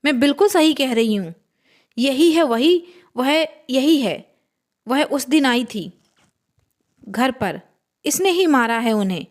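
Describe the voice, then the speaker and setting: A woman's voice: sits high, animated, takes it slowly, long pauses. A woman voicing a grieving widow who tearfully and insistently accuses a girl of killing her husband. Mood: frantic accusing.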